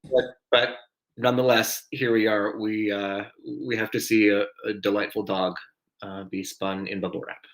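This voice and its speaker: Male trivia host, lowish voice, chatty, self-deprecating, quick to laugh at himself. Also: level tone, poor audio. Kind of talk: live-streamed trivia hosting.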